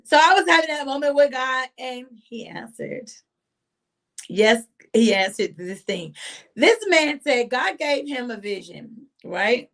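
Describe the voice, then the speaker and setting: High, animated woman giving a devotional. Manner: animated, exclaims often, talks to listeners as y'all. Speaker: host of a faith live stream. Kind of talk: casual devotional talk.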